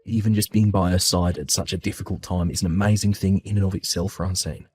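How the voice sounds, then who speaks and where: A man calmly telling his own family story in the first person and voicing his part of the dialogue with reassuring warmth. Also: low-pitched, fast talker, husky. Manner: calm, reassuring, heartfelt.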